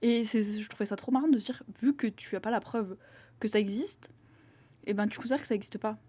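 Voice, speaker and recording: A woman's voice: medium pitch, brisk, dark tone, breathy edge, dry recording. A young woman musing aloud in a casual, rambling monologue, full of fillers and acted-out quotes of other people. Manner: rambling, filler-heavy, acts out quoted voices.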